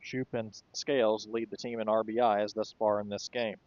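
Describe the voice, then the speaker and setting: A man doing relaxed, conversational play-by-play commentary for a baseball game, with occasional fillers. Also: on the low side, moderate pace, no echo, highs cut off. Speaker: play-by-play announcer.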